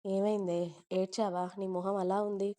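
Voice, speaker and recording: A woman's voice: medium pitch, flat delivery, normal speed, mellow, natural voice. A woman reading as a teasing, doting young boyfriend. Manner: teasing, coaxing. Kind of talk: storybook reading.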